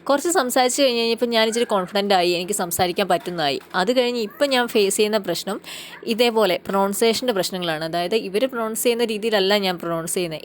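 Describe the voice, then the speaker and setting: Chatty woman vlogger from Kerala. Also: medium pitch. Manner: chatty, explanatory, often adds tag questions. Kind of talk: casual walking farm-tour vlog.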